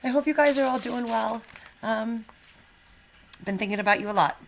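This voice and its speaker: The recording is low quality, carrying a middle-aged woman's slightly high, creaky voice at normal speed. Taking the role of a teacher to young pupils, she comes across informal, encouraging and a bit nervous, moving between casual chat and an expressive storybook reading.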